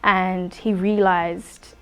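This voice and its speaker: A young woman from Afghanistan, giving earnest, reflective interview answers with soft pauses. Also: on the low side, flat delivery, clean tone.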